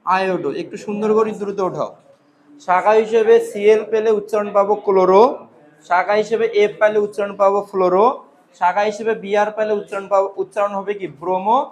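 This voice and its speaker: High-voiced male chemistry teacher. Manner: drills students with repeated questions and answers. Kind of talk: classroom lecture with call-and-response questions. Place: classroom.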